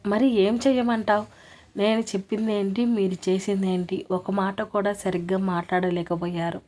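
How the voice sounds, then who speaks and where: A woman's voice: mid-range voice, level tone, moderate pace, close to an everyday voice. A woman voicing an angry young woman who scolds and threatens her friends on the phone in a storybook reading. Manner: scolding, sharp.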